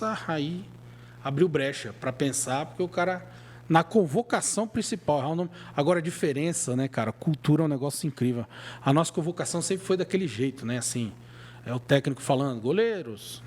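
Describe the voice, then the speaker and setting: A man's voice: medium pitch, darkish tone. A man with a Brazilian Portuguese accent co-hosting a podcast, chatting about football in a casual, emphatic, colloquial way. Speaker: podcast co-host. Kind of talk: casual sports chat.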